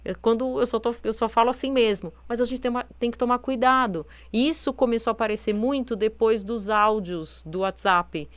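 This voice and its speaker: Smooth-voiced woman giving casual advice. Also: fairly high pitch, brisk, hardly any pauses, no room sound. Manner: conversational, many fillers, firm tone. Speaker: self-help video host.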